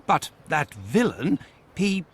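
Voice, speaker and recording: An actor playing a proper, flustered gentleman doctor in a video game, kindly and easily indignant. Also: fairly high pitch, very animated, slow, breathy edge, full character voice. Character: indignant, kindly English gentleman doctor, adult male sidekick. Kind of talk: video game cutscene acting.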